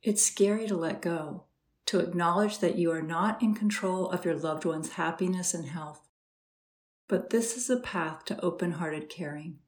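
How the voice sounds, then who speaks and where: A woman leads a guided meditation in a slightly low voice. She speaks softly and slowly, with calm pauses between instructions. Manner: slow, soft, soothing instructions with pauses.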